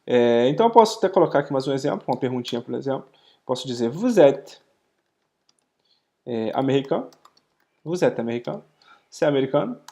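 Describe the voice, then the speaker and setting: A man with a Brazilian Portuguese accent teaching a live online French lesson, explaining step by step with frequent "ok?" checks and slowing down to pronounce the French words. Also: mid-range voice, very animated, warm tone.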